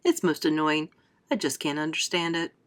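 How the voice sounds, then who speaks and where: A woman's voice: deep voice, expressive, moderate pace, voice pushed down. A woman reading aloud, voicing an eccentric male candy maker who sighs and speaks in a rueful, matter-of-fact way.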